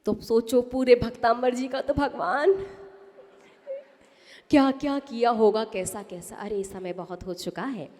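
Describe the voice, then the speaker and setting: A woman with a high voice gives a sermon as a nun, speaking very slowly and emphatically. She keeps asking her listeners questions and answering them herself as she explains pronunciation. Her voice rings with the long reverb of a hall. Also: steady tone, darkish tone. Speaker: Jain nun giving a discourse. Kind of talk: sermon teaching correct pronunciation.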